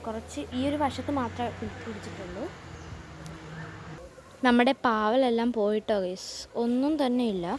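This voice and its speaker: A chatty woman with a fairly high voice talks her viewers through her home garden, filming on a phone outdoors. Faint outdoor noise sits under her voice. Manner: chatty, addresses viewers as guys. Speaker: vlogger. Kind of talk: casual vlog walkthrough.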